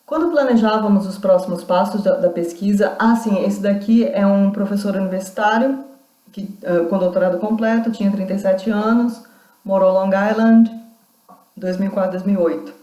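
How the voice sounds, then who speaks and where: A woman's voice: medium pitch, normal speed, warm tone, roomy sound. A woman university lecturer giving a recorded class, explaining points step by step with frequent restarts. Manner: explanatory, reads out quoted accounts, many restarts.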